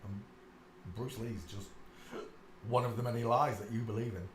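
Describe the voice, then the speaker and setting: This channel host rambles casually yet insistently while going through pictures, with plenty of asides and "uh"s. His voice is on the low side with fairly even intonation at a normal speed, captured in an echoey room with faint ambience and a little hiss or hum.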